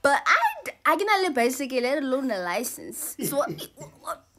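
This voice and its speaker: Young South African woman, casual comic monologue, slightly high voice. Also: big pitch swings, a little fast, pushed and bright. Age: young adult. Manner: chatty, teasing, mixing in local phrases.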